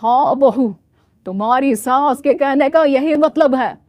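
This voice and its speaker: A woman's voice: high-pitched, unhurried, dry recording, dull audio, voice pushed up. A woman voicing a stern older mother-in-law in a cartoon story, speaking in a scolding, commanding way.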